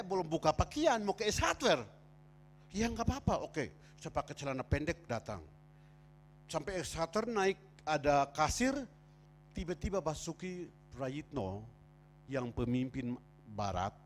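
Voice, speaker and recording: A man preaching a sermon in church, moving from quiet storytelling to loud, shouted preaching. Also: a little high, a little hiss or hum. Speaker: pastor. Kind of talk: sermon with personal stories.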